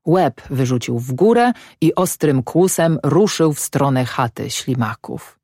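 A woman narrating a classic novel as an audiobook, with expressive storytelling. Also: extremely low pitch, a little slow, husky, no room sound, studio quality.

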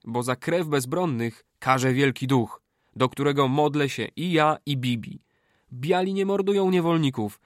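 A man voicing a stern young boy in an audiobook, lecturing and commanding, often pitched higher and louder. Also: dry recording, studio quality. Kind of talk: audiobook character voice.

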